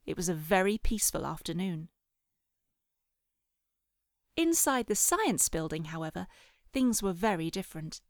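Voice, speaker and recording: A woman narrating a children's audiobook in a measured storytelling manner with lively phrasing. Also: medium pitch, no echo, studio quality. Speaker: audiobook reader. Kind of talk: scripted narration.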